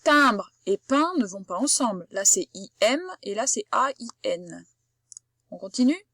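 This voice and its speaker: A woman's voice: a little high, a bit bright, no room sound, studio quality. A woman giving a patient phonics lesson to a child, sounding out each word with care. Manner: slow, patient, carefully articulated explanation. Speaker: primary school teacher.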